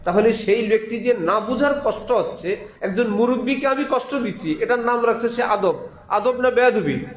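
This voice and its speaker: A man with a Bangladeshi Bengali accent, his voice very high-pitched, preaches a Friday sermon in a mosque at a moderate pace, the sound roomy. He tells stories, acts out the voices of the people in them, and chuckles often.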